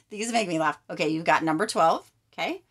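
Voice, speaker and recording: A woman with a slightly low voice gives an upbeat tarot reading straight to her viewers. She talks emphatically, repeats her catchphrases and keeps checking in with "okay" and "right". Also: normal speed, a bit bright. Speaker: tarot card reader. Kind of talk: casual tarot reading to camera.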